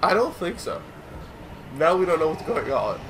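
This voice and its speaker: A young man commentating a video game in casual let's-play banter, loud and goofy, shouting mock-villain boasts. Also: fairly high pitch, very animated, normal speed, a little hiss or hum. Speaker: gameplay commentator.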